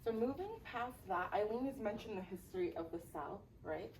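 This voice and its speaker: A woman's voice: medium pitch, animated, fairly quick, a little mellow. A woman from Miami teaching a class, presenting and often checking in with the audience by asking "right?". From Miami, Florida, United States. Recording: distant mic with light background noise.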